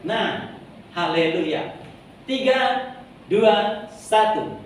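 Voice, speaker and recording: A man's voice: sits high, expressive, very slow. A middle-aged man, a pastor, giving an informal, rambling sermon and leading the congregation in reading aloud. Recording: very echoey hall, distant mic, noisy.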